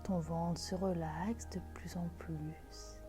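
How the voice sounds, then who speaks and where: A woman guiding a relaxation meditation in a soft, hushed, intimate voice, as if speaking right in your ear. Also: lowish voice, steady tone, takes it slowly. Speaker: sophrology guide. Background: music.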